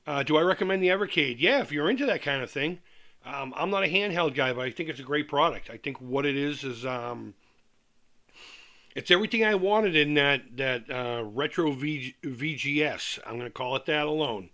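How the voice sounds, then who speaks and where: A man chatting casually as a livestream host, candid and rambling, repeating himself, with the soft lisped diction of missing top teeth. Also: fairly high pitch, expressive, normal speed.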